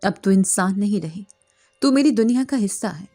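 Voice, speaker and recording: A woman's voice: mid-range voice, lively intonation, mellow, soft background music. Woman voicing a cold, possessive jinn lord. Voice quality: cold, mocking.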